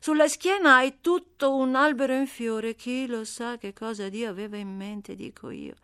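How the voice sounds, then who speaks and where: Brief: woman reader playing a blunt, chatty young runaway girl, loud and high, dry booth sound. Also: normal speed, clean tone, no room sound. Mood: chattering. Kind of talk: audiobook character reading.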